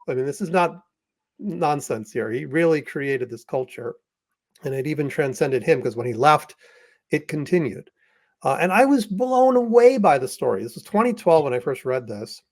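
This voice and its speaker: A man's voice: mid-range voice, a little mellow, dry recording. A man hosting an interview, telling a story with enthusiasm and plenty of fillers and restarts. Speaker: podcast host and author.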